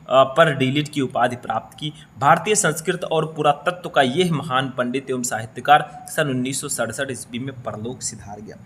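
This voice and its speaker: A young man teaching an exam-prep lesson. He talks straight to his students, explains each answer step by step and reads the answers out slowly. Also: fairly high pitch, fairly bright tone. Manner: talks directly to students, often says "dekhiye" and "theek hai".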